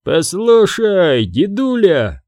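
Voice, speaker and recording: A man reads as a hulking goblin bouncer, gruff and dismissive, barking his warnings high and loud. The voice carries a dark, mellow tone and sits in a dry recording. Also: very animated, a little slow, dry recording. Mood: mocking, threatening.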